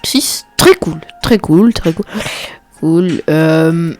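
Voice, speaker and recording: A woman's voice: low-pitched, very slow, darkish tone, faint music behind. A woman giving casual, joking, off-the-cuff commentary while ranking characters, with muttered asides. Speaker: video creator ranking characters.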